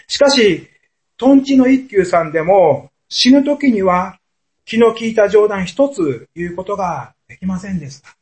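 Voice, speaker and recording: A man preaching a sermon as a pastor, telling stories in an earnest, storytelling manner. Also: sits high.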